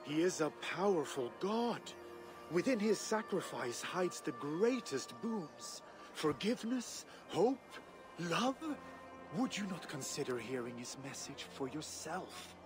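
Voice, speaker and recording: Guthrum, a gentle old Viking king. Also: a little high, very animated, music in the background. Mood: calm. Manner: slow, gentle, laughs often. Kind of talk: video game cutscene acting.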